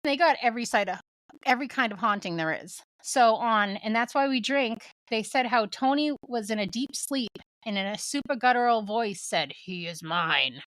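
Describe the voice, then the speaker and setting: A woman co-hosting a casual podcast, retelling a haunting with light laughter and voiced quotes. Her voice sits a little high. The recording is close and dry. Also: normal speed, fairly bright tone, no echo. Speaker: podcast co-host. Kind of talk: comedic storytelling chat.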